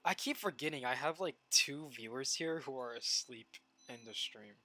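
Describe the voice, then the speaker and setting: A man's voice: mid-range voice, lively intonation, moderate pace, pushed and bright. A tired young man chatting casually on a game stream, rambling, laughing and trailing off mid-sentence. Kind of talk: casual live-stream chat.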